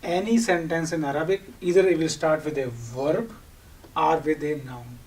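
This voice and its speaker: Heard from a distant microphone over audible background noise, a Pakistani-accented teacher who grew up speaking Urdu delivers an explanatory lecture built on questions he answers himself. His voice sits on the high side, slightly mellow, with fairly even intonation and a normal pace.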